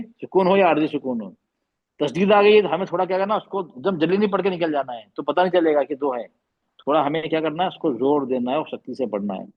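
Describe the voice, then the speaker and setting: A man's voice: a little high, slightly rough, highs cut off. A man teaching Quran recitation over a video call, explaining patiently, repeating terms and demonstrating the sounds. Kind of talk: online class lesson.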